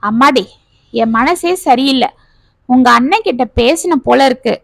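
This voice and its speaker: A woman voicing a soft-spoken, long-suffering village father in a family storybook tale, fond and pleading with his children. The voice sits high, and the sound is close and dry. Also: measured pace, vocal fry, no room sound, full character voice. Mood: tender.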